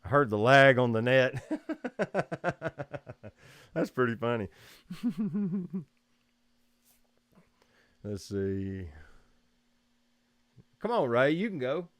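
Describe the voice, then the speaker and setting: A man's voice: medium pitch, big pitch swings, extremely slow, pauses often, a bit bright, no echo. A man with a Southern US accent hosting a casual live-stream chat at home, rambling and easygoing, chuckling often. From Georgia, US. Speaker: photography livestream host. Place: room at home.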